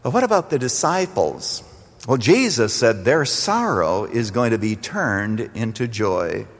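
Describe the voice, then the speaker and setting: Older male pastor from Canada, lively radio preacher, in a long reverberant hall. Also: unhurried. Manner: animated preaching, swelling to emphatic peaks and dropping low. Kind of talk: radio sermon.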